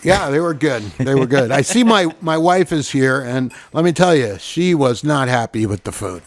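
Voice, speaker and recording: A man's voice: medium pitch, normal speed. A man co-hosting a comedy show, cracking jokes and telling stories in casual banter. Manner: jokey, animated storytelling.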